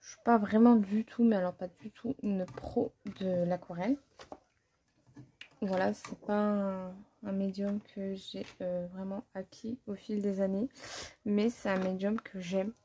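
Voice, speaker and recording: Here an art vlogger chats casually while swatching watercolors, thinking aloud and teasing herself in a chatty, self-deprecating way. Her medium-pitched voice is dark and unhurried with little pitch movement, and there's a slight hiss or hum. It's casual haul commentary on art supplies.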